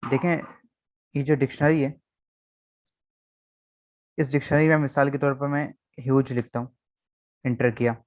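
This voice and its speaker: A man gives an online vocabulary lesson, working through each word step by step and checking in with his students. His voice sits at an ordinary middle pitch. The audio is dull and dry, as through a video call. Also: flat delivery, unhurried, long pauses, darkish tone, no echo. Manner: explains step by step, often checks with "okay". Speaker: English teacher.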